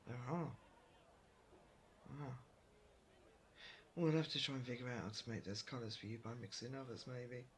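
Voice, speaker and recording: In an audio roleplay drama addressed to the listener, a man plays a curious, helpful shopkeeper from another world, easygoing and eager to explain. His mid-range voice is slightly bright and lightly acted.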